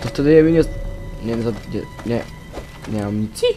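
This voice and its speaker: A man's voice: medium pitch, moderate pace, faint music behind. Rambling young man narrating his gameplay. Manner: rambling, swears, bursts into loud shouts. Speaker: let's play gamer. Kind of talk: casual gaming commentary.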